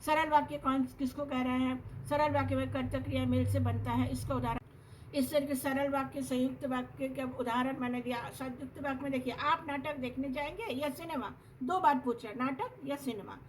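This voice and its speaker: A woman's voice: high-pitched, steady tone, normal speed, slight background noise, low-quality recording. A middle-aged woman teacher explaining grammar to her students, patient and often checking that they follow.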